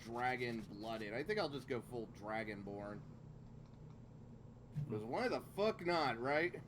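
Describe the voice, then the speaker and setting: A man with a lively, swinging voice, excitable and swearing freely as he chats about his game character. There is clear background noise on his line. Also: medium pitch, slow. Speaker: player. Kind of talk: casual chat over voice call.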